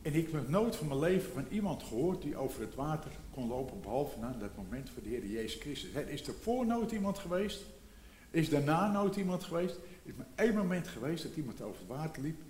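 A man's voice: on the high side, big pitch swings, a little fast, darkish tone, roomy sound, slight background noise. A man in his seventies preaching a sermon in a reflective way, repeating phrases and rising for emphasis. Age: 70s.

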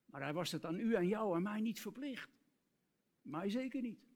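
A male preacher giving an earnest sermon, reciting hymn lyrics and dropping to soft, tender tones. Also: sits high, animated, normal speed.

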